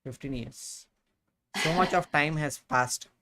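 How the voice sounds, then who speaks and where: A man in his thirties co-hosts a live chess stream from a room at home. He thinks aloud as he talks through the moves, with many fillers and pauses along the way. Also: fairly high pitch, sharp tone, a little hiss or hum. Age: 30s. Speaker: chess commentator co-host. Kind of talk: casual chess commentary.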